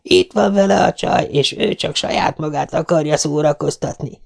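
A man's voice: fairly high pitch, vocal fry, voice pushed up. A man voicing a mocking, drunk young street thug. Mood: jeering. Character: greasy long-haired teen thug, jeering.

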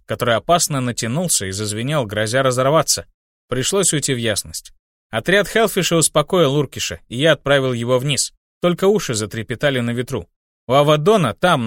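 A male narrator reading a first-person story in a steady, even storytelling manner. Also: medium pitch, no echo, studio quality. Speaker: audiobook narrator.

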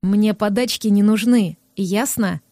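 A woman giving voice to an irritable young man in an audiobook, curt and scornful, every line snapped out. The voice sits fairly high and sounds dry and close. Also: expressive, moderate pace, a little mellow, no echo, close to an everyday voice. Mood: gruff. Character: gruff rude young man, irritable and sharp-tongued.

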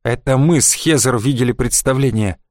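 A man's voice: mid-range voice, normal speed, darkish tone, no room sound, lightly acted. A man reading an audiobook, playing a stern, sardonic male sorcerer who speaks curtly, in a dry recording. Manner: curt, then coaxing.

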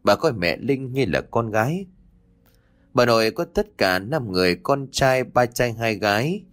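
A man's voice: mid-range voice, animated, a little slow, a bit bright. A man narrating a scripted horror story with dramatic storytelling.

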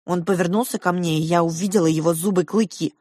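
A woman narrating a children's storybook in a lively, expressive way. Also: on the low side, fast talker, no echo, clean studio sound.

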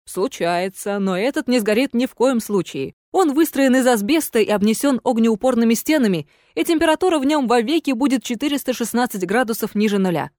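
A woman narrator voices a young gentleman who stays calm and courteous while he speaks coldly. Her delivery keeps him measured and unhurried. The recording is dry and close. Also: fairly high pitch, no echo, natural voice. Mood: coldly mocking. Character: cool, polite, scheming young gentleman. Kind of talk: audiobook character voice.

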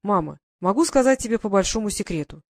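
A woman reading an audiobook, voicing a calm young male guard sergeant reassuring his mother in a steady way. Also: mid-range voice, fast talker, lightly acted.

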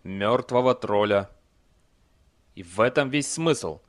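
A man's voice: on the low side, takes it slowly. A man voicing a stubborn, very old male barbarian in an audiobook, curt and blunt.

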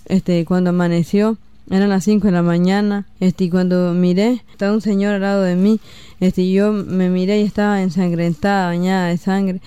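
A young woman with a Nicaraguan accent tells her story in halting testimony, stopping often on fillers. Her delivery is flat and mellow, very clean, and recorded dry and close. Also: fairly low pitch, clean tone, dry recording. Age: young adult. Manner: halting, many "este" fillers. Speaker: interviewee giving testimony. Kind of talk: personal testimony.

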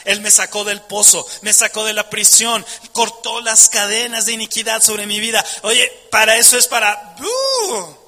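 High, bright-voiced man preaching. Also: level tone, moderate pace, few pauses, long reverb tail, soft background music. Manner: passionate, emphatic preaching with rhetorical questions. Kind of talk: sermon.

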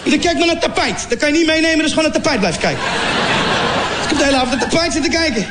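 A man's voice: extremely high pitch, expressive, rapid-fire, very noisy. A man from Morocco telling a stand-up comedy story, acting out scenes with sound effects and mock voices.

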